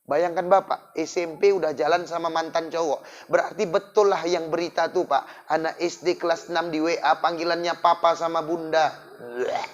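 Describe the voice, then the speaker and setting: A fairly high-voiced male preacher delivers a storytelling sermon. He talks straight to the crowd, his voice rising loud and then dropping to a hush. The recording sounds dull and lo-fi. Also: normal speed. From Indonesia. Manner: lively, swings from loud to hushed, addresses the crowd.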